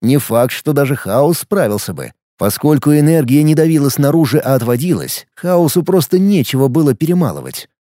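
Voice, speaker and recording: Lively male audiobook narrator. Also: a little high, brisk, hardly any pauses, dry recording, clean studio sound. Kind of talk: scripted narration of a fantasy novel.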